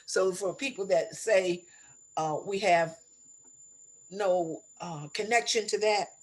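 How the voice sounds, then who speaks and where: A woman in her seventies reminiscing in conversation as an interview guest, reflective and deliberate, repeating phrases for emphasis. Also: medium pitch, rough recording. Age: 70s. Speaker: interview guest, elder sharing life stories.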